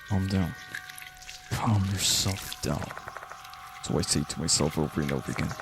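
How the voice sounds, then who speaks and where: A man's voice: very deep voice, gravelly, poor audio. A man reading game narration aloud dramatically, acting it out and now and then stumbling over a word. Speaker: game streamer.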